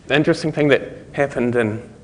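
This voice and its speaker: A man's voice: medium pitch, fast, long reverb tail. A man giving a conversational conference talk, explaining things step by step. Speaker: conference speaker.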